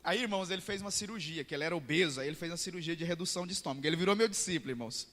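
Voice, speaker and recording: A man's voice: fairly high pitch, very fast, fairly bright tone. A pastor preaching a sermon. He tells stories emphatically and keeps calling out to the congregation. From central Brazil. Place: large church hall. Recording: long reverb in a church hall.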